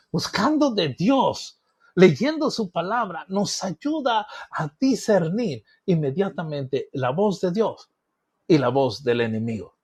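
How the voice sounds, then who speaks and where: A man's voice: sits high, a little mellow, breathy edge. A middle-aged male pastor preaching a teaching sermon, acting out voices and objections with emphatic bursts.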